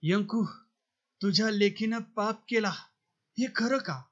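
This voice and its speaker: A man's voice: high-pitched, slow. Brief: stern older village elder read by a man, raised questioning voice, lo-fi. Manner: loud, questioning. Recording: dull lo-fi recording.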